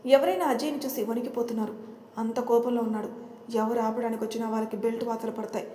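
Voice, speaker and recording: Woman storyteller, steady storybook narration, fairly high voice, mellow tone, roomy echo. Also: fast talker. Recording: roomy echo, faint noise.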